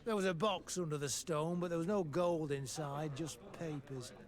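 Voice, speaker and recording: A man's voice: a little high, moderate pace, close to an everyday voice. A man playing a jovial, slurring town drunk, an old-hand soldier in a video game tavern who chats with sly familiarity. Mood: confiding. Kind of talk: video game character acting.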